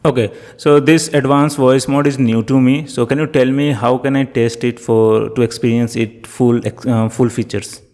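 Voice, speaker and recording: A man's voice: medium pitch, fairly even intonation, normal speed, hardly any pauses, a little mellow. Hesitant Indian man in a reverberant room. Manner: hesitant, with fillers and self-corrections. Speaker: tech video host testing an app. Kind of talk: casual spoken prompts.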